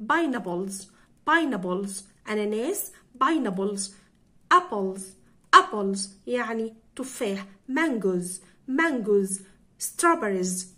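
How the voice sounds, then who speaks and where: A woman's voice: a little high, fairly bright tone. Egyptian woman teacher drilling vocabulary. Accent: Egyptian Arabic. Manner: repeats each word slowly and clearly for pupils. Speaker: English teacher.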